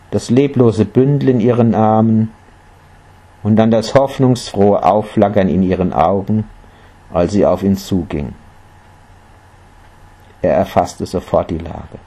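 A man narrating a story in a measured, quiet storytelling manner. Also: lowish voice, slightly rough.

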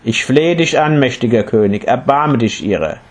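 A man's voice: medium pitch, animated, natural voice. A man voicing a noble, selfless male king of the deer in a read-aloud fable, earnest and pleading. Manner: earnest, pleading, slow and solemn. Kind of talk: storybook reading.

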